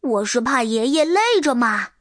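A woman's voice: on the high side, sing-song, normal speed, dry recording, studio quality. A woman voicing a cheerful, caring little girl in a storybook reading. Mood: chirpy. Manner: sweet, coaxing, chirpy.

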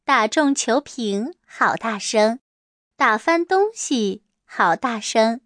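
A woman reading a children's picture book aloud in a slow, sing-song way, repeating a refrain. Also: a little high, lively intonation, a bit bright, no room sound, clean studio sound. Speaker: storybook reader.

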